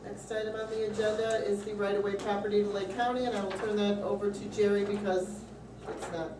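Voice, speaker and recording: A woman's voice: medium pitch, level tone, a little fast, noisy background. A woman chairing board meeting proceedings in an echoey room, picked up from a distance.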